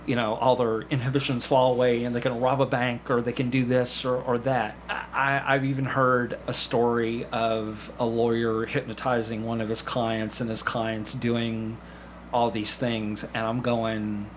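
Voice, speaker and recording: This podcast guest, a clinical hypnotherapist and community actor, talks through his work in an explanatory, conversational way, performing examples as quoted dialogue. His medium-pitched voice shows little pitch movement at a moderate pace, over a slight hiss or hum.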